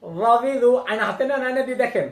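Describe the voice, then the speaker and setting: A woman teaching Quran reading through a slow syllable-by-syllable spelling drill. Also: fairly high pitch, animated. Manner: slow, drawn-out, instructive recitation. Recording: echoey room.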